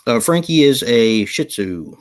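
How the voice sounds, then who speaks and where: Medium-pitched and expressive at a normal speed, a man co-hosts a live podcast from his home. He chats casually in a rambling, relaxed manner, dropping plenty of fillers and laughing easily.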